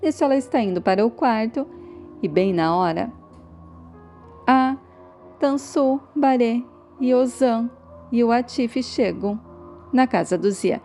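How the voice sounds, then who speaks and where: A woman recapping a dubbed soap episode, retelling each scene and reading every character's lines in a steady voice. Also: a little high, measured pace, pauses often. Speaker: soap-opera recap narrator. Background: faint music.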